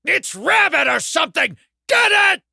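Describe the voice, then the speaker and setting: Lady doing a gravelly little roach dude, bossy and panicky, super sharp and bright. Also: extremely high pitch, sing-song, a little slow, dry recording, clean studio sound, pitched above the performer's own voice, full character voice. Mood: panicked. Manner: brash, bossy, shrieks in panic. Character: bossy panicky male talking cockroach. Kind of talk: audiobook character voice.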